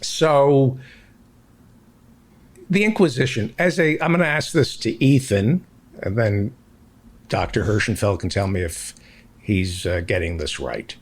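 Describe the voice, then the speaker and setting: A man's voice: on the low side, animated, measured pace, long pauses. A man hosting a casual talk show, rambling through questions to his guests. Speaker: podcast host. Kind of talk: casual chat.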